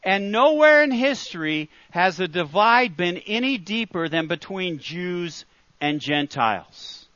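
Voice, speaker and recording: A man's voice: sits high, animated, unhurried, bright, forceful tone, dry recording, dull audio. A man preaching a sermon in an earnest, emphatic way, repeating his key phrases.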